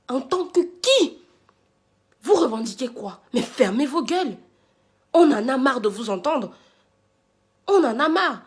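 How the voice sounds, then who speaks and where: A woman from Africa, her voice on the high side, rants at viewers in an indignant, confrontational way. She speaks emphatically, hammering home repeated phrases and rhetorical questions.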